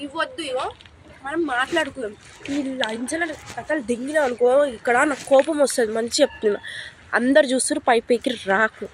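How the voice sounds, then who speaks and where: A woman's voice: high-pitched, fairly quick, slight background noise. A young woman with a Telangana Telugu accent scolding and threatening her partner in a heated argument outdoors in public. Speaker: vlogger.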